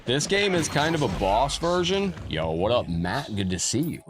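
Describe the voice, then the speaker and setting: Hosting a live gaming stream over game music, a man chats casually about his play and greets viewers by name. His medium-pitched voice is sing-song at a normal speed, a little scratchy from a cold.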